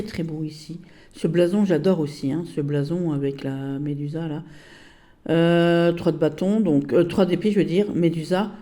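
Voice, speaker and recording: A woman's voice: lowish voice, warm tone. A woman at home giving a casual card-by-card review of a tarot deck, gushing and repeating her praise while stopping often to search for words.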